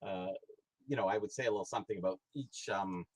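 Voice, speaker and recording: As a guest in a casual conversation, this middle-aged man, who writes price guides and studies history as a hobby, rambles with frequent fillers and false starts. His lowish voice moves fast over slight background noise in a low-quality recording.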